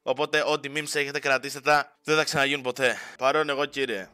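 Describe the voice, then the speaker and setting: Bright-toned young male streamer, casual. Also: medium pitch, steady tone, clean tone. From Greece. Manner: casual and teasing, mixing in English slang. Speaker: Twitch streamer. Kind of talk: casual livestream chat to viewers.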